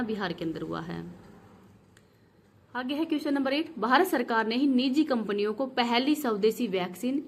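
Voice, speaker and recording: A woman teacher giving an exam revision lesson, repeating each word slowly to drill its correct spelling. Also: on the high side, a little hiss or hum.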